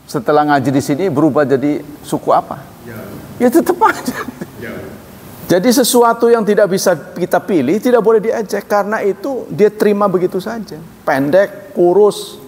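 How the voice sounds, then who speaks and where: A man giving a religious lecture as a preacher, reciting verses and explaining them, sudden jumps in pitch when he quotes people. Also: expressive, normal speed, pauses often, darkish tone. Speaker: Islamic preacher. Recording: reverberant hall, faint noise.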